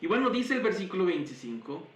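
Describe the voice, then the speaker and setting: Male Bible teacher, lively storyteller with rhetorical questions, slightly high-pitched, echoey room. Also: fast talker. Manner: vivid retelling with rhetorical questions. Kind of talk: Bible class lecture. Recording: roomy echo.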